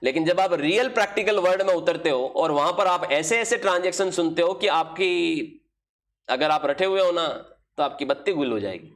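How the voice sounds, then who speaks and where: A man's voice: a little high, animated, moderate pace, fairly bright tone. A man teaching accounting in a classroom lecture, posing questions and answering them himself while writing out examples. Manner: asks questions and answers them himself, mixing Hindi and English terms.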